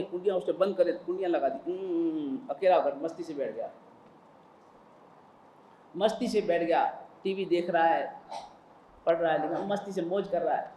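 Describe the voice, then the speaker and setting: A man's voice: high-pitched, darkish tone, slight background noise. A man preaching a sermon and telling a story, with emphatic, repetitive phrasing. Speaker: Jain preacher. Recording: roomy hall with faint ambience.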